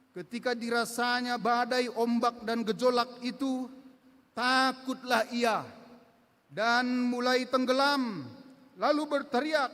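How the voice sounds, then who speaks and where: High-voiced preacher in an echoing church. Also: male voice, fairly bright tone. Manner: storytelling preacher, acts out quotes, repeats words for emphasis. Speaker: pastor. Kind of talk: sermon. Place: church sanctuary. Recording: long church reverb.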